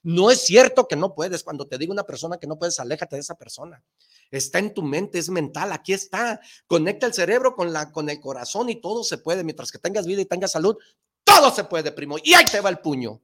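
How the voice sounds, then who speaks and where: Excitable man preaching motivation. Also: sits high, fairly quick. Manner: emphatic and excitable, rhetorical questions, slangy. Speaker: motivational show host. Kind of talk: motivational talk.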